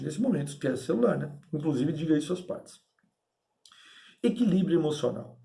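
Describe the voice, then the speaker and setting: A man giving a lecture to his class, lively and emphatic, often asking his listeners if they agree. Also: high-pitched. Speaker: instructor.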